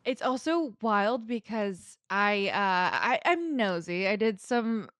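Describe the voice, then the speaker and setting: A woman's voice: medium pitch, lively intonation, slow pace, a bit bright, no echo, studio quality. A woman hosting a casual interview in an informal, effusive and giggly way. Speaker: interview host.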